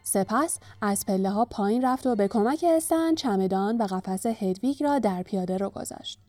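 A woman narrating a storybook in a calm, even reading voice. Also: medium pitch, dry recording, soft background music. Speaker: audiobook narrator.

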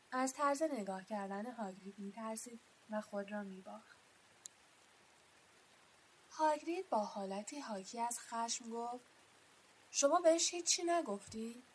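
A woman reading a novel aloud as an audiobook, in a steady, clear storytelling manner. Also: medium pitch, slight background noise, low-quality recording.

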